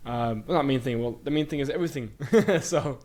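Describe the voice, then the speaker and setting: Speaking fairly quickly in a darkish, medium-pitched voice, a young guest in a casual interview rambles with lots of fillers and restarts. He's from Bulgaria but grew up in Sweden.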